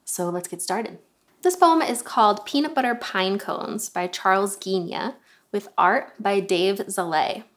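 A young adult woman with a medium-pitched, fairly bright voice presents a children's story time from her living room sofa. She reads aloud unhurriedly and chats in a friendly way, making chatty asides to her dog.

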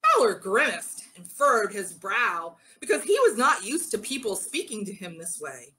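A woman's voice: mid-range voice, very animated, normal speed, sharp tone, low-quality recording. A woman telling a myth as part of a pagan ritual, earnest and rallying at the close. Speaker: ritual storyteller.

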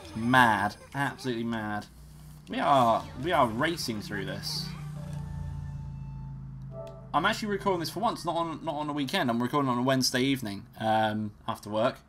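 A young man talks through a video game in a loose, rambling way, swearing often as he plays. His voice sits at an ordinary middle pitch. Game music runs clearly underneath him. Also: expressive, moderate pace. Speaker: let's play host. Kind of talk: gameplay commentary.

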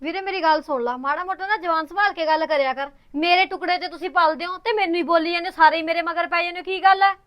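A woman's voice: very high-pitched, fast talker, few pauses, a bit bright. An actress playing a widowed young mother who argues back at her brother and mother. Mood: defiant. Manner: defensive, pleading, argues back. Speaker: widowed sister with a young daughter. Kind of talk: Punjabi family drama acting.

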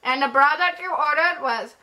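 Woman playing a fake store clerk, prank voicemail, high bright voice, halting, stumbling. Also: poor audio. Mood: mock-polite. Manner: halting, stumbling over words. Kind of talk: prank phone call.

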